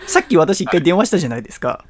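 A man's voice: high voice, very animated, very fast. A man hosting a radio talk show in casual chat, teasing and laughing often.

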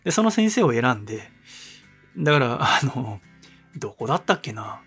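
A man's voice: mid-range voice, sing-song, normal speed, a bit bright, husky, faint music behind. A man hosting a radio show, telling a rambling story in a casual, chatty way full of fillers and reading listener mail.

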